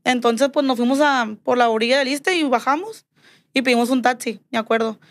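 A woman from Mexico talks briskly in a fairly high voice while telling a personal story as a podcast guest. The exchange is a casual, chatty one. She brings the dialogue to life by acting it out, repeating "me dijo."

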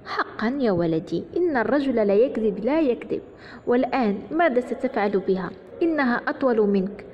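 A woman's voice: a little high, expressive, a little fast, close to an everyday voice. A woman reading the part of a sick, worried village mother in a plaintive, tender storybook voice. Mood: amazed. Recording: dull echoey recording, faint noise.

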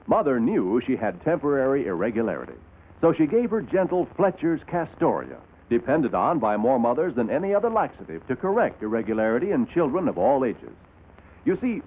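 Very animated, reassuring male announcer. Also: medium pitch. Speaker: commercial announcer. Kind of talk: scripted vintage ad narration. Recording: tinny, noisy old commercial soundtrack.

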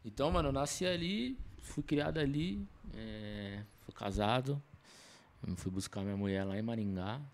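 A man, telling his story as a podcast guest in a relaxed, slangy way, recorded on a desk mic in a small studio. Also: mid-range voice, moderate pace. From Campinas, Brazil. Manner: relaxed slangy storytelling, many fillers and self-corrections. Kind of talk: casual storytelling interview. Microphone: desk mic on stand.

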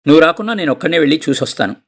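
A man's voice: on the high side, animated, racing, creaky, fairly bright tone, pitched above the performer's own voice, full character voice. Man doing a stern lecturing husband. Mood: insistent. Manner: insistent, scolding. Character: stern middle-aged husband, practical, lecturing.

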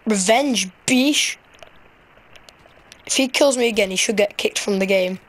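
A woman with a Yorkshire accent commentating her gameplay live, excitable and bursting into shrill outcries between muttered asides. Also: fast talker. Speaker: gaming commentator.

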